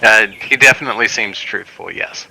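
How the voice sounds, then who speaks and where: A man's voice: fairly low pitch, a little fast, gravelly, bright, forceful tone, rough recording. A man running a tabletop game as dungeon master on a voice call, talking hesitantly with many fillers.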